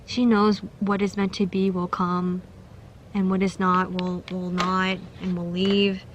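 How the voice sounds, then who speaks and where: A woman's voice: on the low side, level tone, unhurried, a little hiss or hum. Chatty young woman reading tarot cards. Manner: chatty, giggly, full of fillers and restarts. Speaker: tarot reader. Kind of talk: casual pick-a-card tarot reading.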